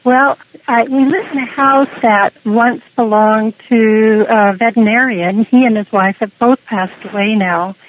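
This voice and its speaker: A woman's voice: on the high side, fairly even intonation, a little slow, hardly any pauses, phone-quality sound, slight background noise. A woman from Canada telling stories casually as a radio interview guest. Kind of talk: casual conversational storytelling.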